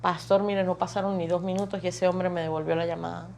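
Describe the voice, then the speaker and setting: A woman's voice: fairly low pitch, flat delivery, quick pace, vocal fry, a little mellow, slight background noise. A woman, giving an emotional personal testimony in vivid, repetitive storytelling that piles up phrases. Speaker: testimony guest.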